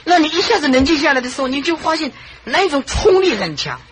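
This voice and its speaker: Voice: high-pitched, fast talker, poor audio. Buddhist monastic teacher giving a dharma talk, voice jumps all over, chuckles a lot, faint hiss behind. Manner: animated storytelling with frequent chuckles and repetition.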